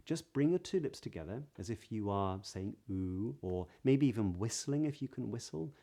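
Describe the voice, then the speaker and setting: A man's voice: lowish voice, expressive, normal speed, vocal fry, dark tone. A man with a Southern British accent, teaching pronunciation as a voice coach with careful, precise articulation. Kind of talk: pronunciation lesson.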